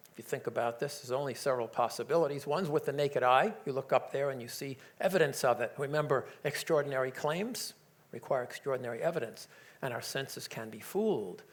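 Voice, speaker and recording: Enthusiastic man giving a science talk. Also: medium pitch. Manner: enthusiastic, joking, with many fillers. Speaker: lecturer.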